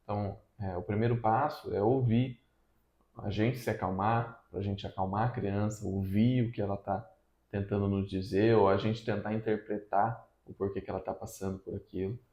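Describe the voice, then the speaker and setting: A man, a father co-hosting, calmly explaining parenting advice in a casual chat at home. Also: lowish voice, moderate pace, highs cut off. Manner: calm, explanatory, tags lines with "né". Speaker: father and channel co-host. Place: room at home. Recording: echoey room.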